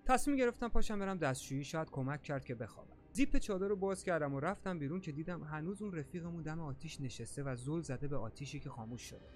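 A man narrating a first-person creepy story in a casual, slangy way. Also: on the high side.

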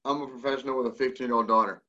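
A man's voice: mid-range voice, steady tone, rapid-fire, pushed and bright, lo-fi sound. A middle-aged American man co-hosting a podcast with joking, irreverent casual banter. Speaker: podcast co-host.

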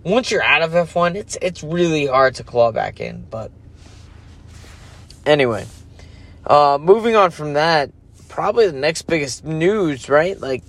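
A sleepy, yawning man ranting casually as a podcast host, rambling and losing his focus. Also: a little high. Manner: rambling, loses focus, self-interrupting. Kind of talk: casual rant.

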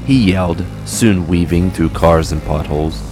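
A man's voice: low voice, normal speed, over music. A man narrating a scripted audio drama in a dramatic storytelling style.

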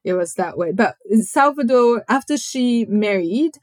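A woman of around forty, a podcast guest telling her life story in a reflective, measured way while sometimes searching for English words. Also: a little high, lively intonation, no room sound. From Japan. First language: Japanese. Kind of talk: personal storytelling in conversation.

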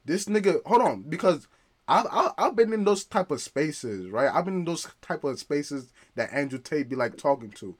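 A man's voice: fairly high pitch, lively intonation, normal speed. A young man in casual podcast banter, talking like a boisterous frat bro, slangy, often cutting in and repeating himself. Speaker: podcast host.

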